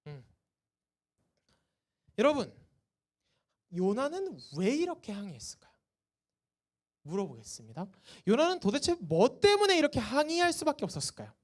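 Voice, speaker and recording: Lively woman preaching to teens. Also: fairly high pitch, normal speed, long pauses. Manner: lively, asks the students questions and answers them. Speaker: youth group teacher. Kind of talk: sermon to teenagers. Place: church service.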